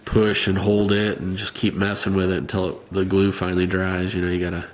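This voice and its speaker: A man's voice: low-pitched, completely flat delivery, fairly quick, slight background noise. A man with a nasal voice giving a casual, rambling how-to demonstration of his hobby work, with plenty of fillers. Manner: rambling, plain-spoken, many fillers. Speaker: hobbyist showing a rifle customization.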